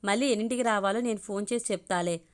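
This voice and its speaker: A woman voicing a quick-tempered, spirited young woman in a spoken audio story. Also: medium pitch, smooth, natural voice. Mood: pleading.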